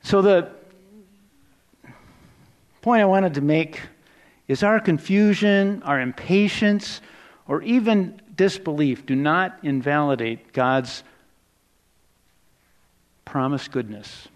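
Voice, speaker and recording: Higher-pitched man preaching a sermon. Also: expressive, slow, pauses often. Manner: conversational, reflective preaching with soft dips for quoted words.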